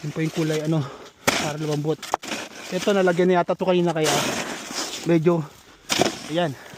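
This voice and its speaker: A man's voice: on the high side, level tone, normal speed, very noisy. An older man, narrating a casual vlog while he shovels snow outdoors. He is out of breath and laughs often between phrases. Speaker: vlogger.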